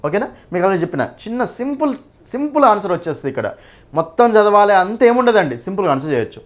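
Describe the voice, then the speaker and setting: Fast-talking teacher man. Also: high-pitched, sing-song. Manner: repeats points, checks in with "okay?"; mixes English terms into Telugu. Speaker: English teacher. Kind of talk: exam-prep grammar lesson.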